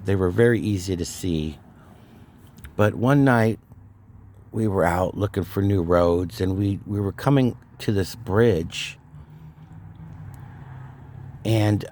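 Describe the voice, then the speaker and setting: A man's voice: deep voice, a little hiss or hum. A middle-aged man from California casually telling a personal ghost story, rambling with fillers and restarts. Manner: rambling, frequent fillers and restarts, laughs at himself.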